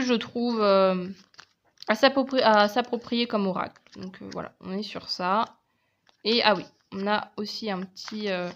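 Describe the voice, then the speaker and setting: In a casual, chatty video, a woman with a French accent shows off her oracle card decks, frequently hesitating and restarting sentences as a tarot and oracle card reviewer. Her voice is on the high side with a fairly bright tone. There's slight background noise.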